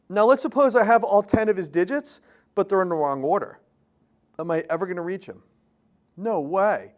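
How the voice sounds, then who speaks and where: Male speaking coach on stage, lively storyteller with a high voice, quizzes the crowd, acts out dialogue. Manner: energetic storyteller, asks the audience questions; punchy short phrases, acts out quoted dialogue. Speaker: public speaking and sales trainer. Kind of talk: motivational seminar talk to a live audience.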